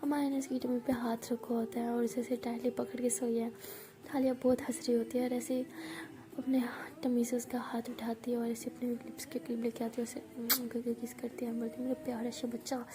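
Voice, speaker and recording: A woman narrating a love story as whispered role-play, in a soft, hushed voice close to the mic. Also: fairly high pitch, flat delivery, brisk.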